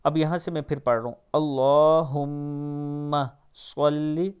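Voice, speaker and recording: A man with a Pakistani Urdu accent teaching the pronunciation of a prayer, drawing each word out slowly, then explaining quickly. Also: a little high, clean tone. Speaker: Quran recitation teacher. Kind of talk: pronunciation lesson.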